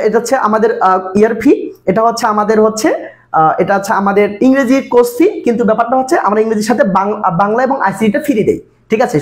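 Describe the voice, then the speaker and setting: Fast-talking man tutoring. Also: very high-pitched. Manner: repetitive coaxing, constant quiz questions to students. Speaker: English tutor. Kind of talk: live online exam-prep class.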